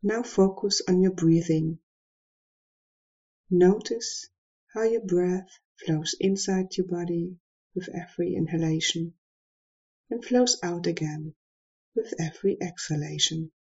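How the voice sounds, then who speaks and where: A woman leading a guided meditation, giving soft, calm instructions with long pauses. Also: lowish voice, breathy edge, dull audio.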